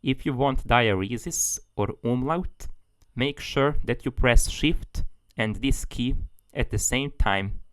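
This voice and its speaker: Guy tutor walking you through steps, mid pitch, dry close sound. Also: slow, dry recording. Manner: steady, step-by-step instructing. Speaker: language tutor. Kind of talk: tutorial explanation.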